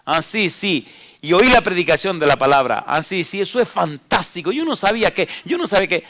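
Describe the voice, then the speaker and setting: Guy doing a giddy new church member, voice jumps up high, gushing and loud. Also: sing-song, a little fast, exaggerated voice. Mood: overjoyed.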